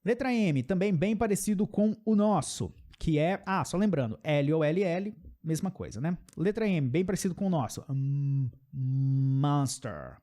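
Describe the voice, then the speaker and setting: A Brazilian man, a native Portuguese speaker, gives an English pronunciation lesson, saying example words slowly and often checking in with "ok?". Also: on the high side, animated, mellow. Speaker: English teacher.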